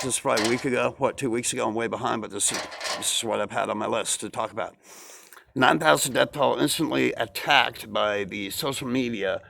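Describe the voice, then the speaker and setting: A man's voice: on the low side, gravelly, fairly bright tone, a little hiss or hum. A man talking in a rambling casual monologue, repeating himself and asking rhetorical questions. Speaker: vlogger.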